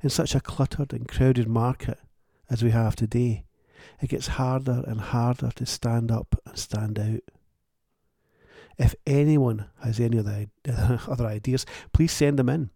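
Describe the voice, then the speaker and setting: A man's voice: medium pitch, steady tone, a little slow, creaky, warm tone, no echo, studio quality. A man who writes books, hosting his own show in a wry, plain-spoken and thoughtful solo monologue. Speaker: author and podcast host.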